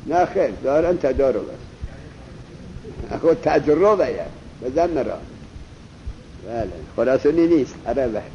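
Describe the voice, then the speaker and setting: A man teaching a classroom lesson, explaining step by step, asking questions and answering them himself, and reading passages slowly. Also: mid-range voice, animated, mellow, dull audio, a little hiss or hum. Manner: reads Arabic passages slowly and deliberately. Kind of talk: classroom lesson on Arabic grammar.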